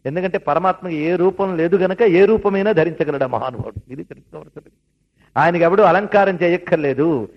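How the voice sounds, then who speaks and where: A man giving a devotional discourse who retells scripture stories with animated asides to his listeners. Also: a little high, a little fast, a little hiss or hum. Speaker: religious storyteller. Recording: dull lo-fi recording.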